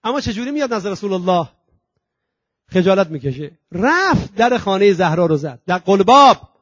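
In a religious centre hall, a high-pitched preacher gives a very animated, impassioned sermon, surging into loud proclamation and sinking to a hush. He draws out recited Arabic phrases slowly. The recording is dry, dull and lo-fi, with no room sound.

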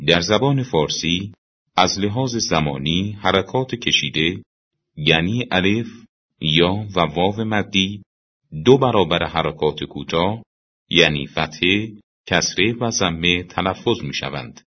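A man's voice: low voice, lively intonation. A man reading a formal explanation as scripted narration. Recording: dull lo-fi audio.

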